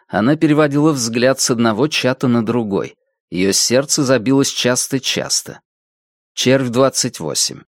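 A man narrating an audiobook in a measured, even storytelling manner. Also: mid-range voice, no echo, studio quality. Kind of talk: scripted narration.

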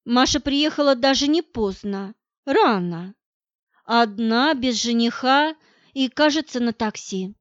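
A woman narrating a story in scripted, measured storytelling, in a dull, dry recording. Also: on the high side, dry recording. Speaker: audiobook narrator.

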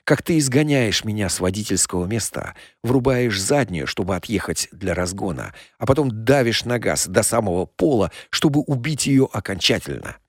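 A man's voice: lowish voice, very animated, moderate pace, few pauses, slightly rough, dry recording, clean studio sound, voice pushed down, exaggerated voice. A man voicing a desperate young woman in an audiobook crime story, emotional and accusing. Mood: hushed accusing.

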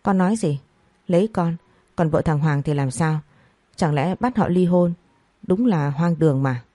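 A woman's voice: sits low, a little slow, warm tone, dry recording. A woman voicing an angry, heartbroken middle-aged mother scolding her daughter.

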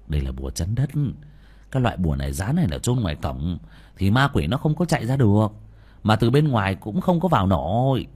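A man's voice: on the low side, sing-song, a little fast, a little mellow, slightly rough. A man voicing a short-tempered young exorcist who scolds bluntly. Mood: stern.

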